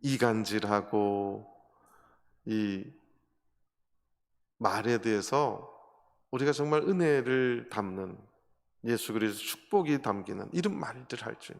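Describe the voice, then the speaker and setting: Korean pastor preaching in a reverberant hall. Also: male voice, lowish voice, animated, slow pace, creaky, long pauses. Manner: storytelling with rhetorical questions to the congregation. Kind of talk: sermon. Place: church sanctuary.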